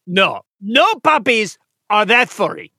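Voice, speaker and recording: A woman's voice: medium pitch, sing-song, takes it slowly, pushed and bright, no echo, clean studio sound, full character voice. A woman voicing a curious, literal-minded alien boy who calls humans earthlings, with a whimsical, wide-swinging delivery.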